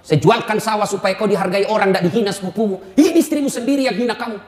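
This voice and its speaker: A man's voice: high voice, rapid-fire, over a noisy crowd, natural voice. A preacher voicing a village mother who grumbles at her son about his wife. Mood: grumbling. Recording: roomy hall.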